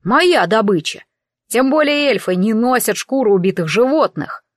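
A woman's voice: fairly high pitch, lively intonation, normal speed, no echo, clean studio sound, close to an everyday voice. A woman doing a sulky young werewolf. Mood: proud. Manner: gruff, stubborn muttering. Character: scruffy young werewolf man, proud and sulky. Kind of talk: audiobook character voice.

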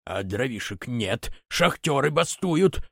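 A blustering, gloating puppet master, put on by a reader, barks and bellows with a pitch that swings high and low. He booms orders and cackles like a stage villain in a children's play read aloud. The sound is dry and close. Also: sing-song, slow pace, creaky, fairly bright tone, dry recording, heavily acted. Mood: gruff. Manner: booming, gloating laughter, sneezing fits. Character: blustering puppet-theatre owner, cruel showman.

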